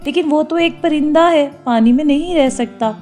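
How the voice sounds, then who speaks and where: A tearful mother dove from a cartoon storybook pleads in a slightly high, mellow voice, as a woman puts her on. Her grief colors every line as she searches for her lost chick. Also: soft background music, close to an everyday voice. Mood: distressed.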